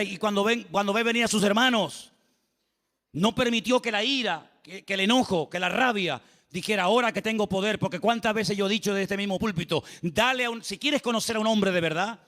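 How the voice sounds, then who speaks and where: A male pastor preaching a sermon from the pulpit, animated, full of rhetorical questions and asides to the congregation. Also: sits high. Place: church sanctuary. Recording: long church-hall reverb.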